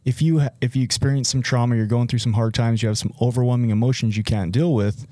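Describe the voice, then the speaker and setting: A man's voice: medium pitch, fairly even intonation, fast talker, mellow, dry recording, clean studio sound. A man co-hosting a counseling podcast, thinking aloud and restating ideas with lots of fillers. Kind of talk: conversational podcast interview.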